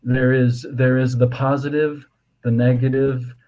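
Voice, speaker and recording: Lisping, mellow-voiced man musing philosophically. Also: mid-range voice, level tone, dull audio. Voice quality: lisp with slushy sibilants. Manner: halting, digressive, with repeated "you know". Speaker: podcast guest, author. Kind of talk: philosophical conversational explanation.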